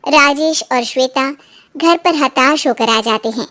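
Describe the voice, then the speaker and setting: A woman narrating a cartoon moral story in an even, explanatory way. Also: high-pitched, a little slow.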